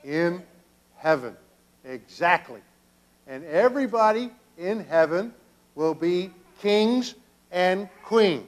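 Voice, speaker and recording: Slow-talking older pastor with children. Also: male voice, sits high, animated. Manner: gentle questioning of children, slow and halting. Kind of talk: children's sermon. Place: church sanctuary, children seated around him.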